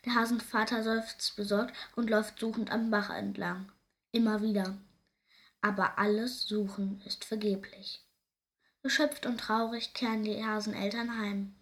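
A woman reading a children's story aloud in a gentle, expressive way. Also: mid-range voice, unhurried.

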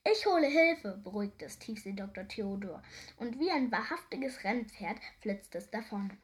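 A young woman reading a children's story aloud, lively and expressive. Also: mid-range voice, normal speed. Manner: lively, warm storybook narration.

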